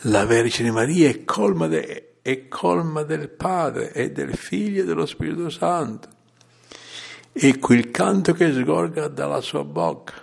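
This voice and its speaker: A man preaching in a solemn, measured reading style. His voice is deeply gravelly and husky. He lifts his emphasis as he works through scripture passages. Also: expressive. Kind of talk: sermon reading with scripture quotes.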